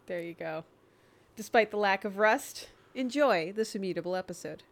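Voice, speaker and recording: A woman's voice: mid-range voice, moderate pace. A woman co-hosting a tech podcast, making dry, joking asides in a scripted intro and in casual chat. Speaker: podcast co-host.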